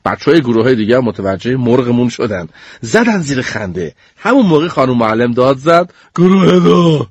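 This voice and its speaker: A man reading a children's story aloud in a playful, animated way, often chuckling. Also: medium pitch, husky, dry recording, lo-fi sound. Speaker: narrator.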